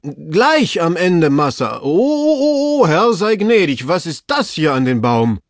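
Man voicing fearful servant shouting down from a tree, high and strained, broken speech, dry close sound. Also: sing-song, no echo. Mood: anxious. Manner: broken grammar, high-pitched, drawn-out. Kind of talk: audiobook reading.

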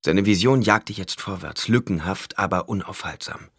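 A man narrating an audiobook in a measured, solemn reading. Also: low-pitched, fairly bright tone, husky, no room sound, studio quality. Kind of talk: scripted narration.

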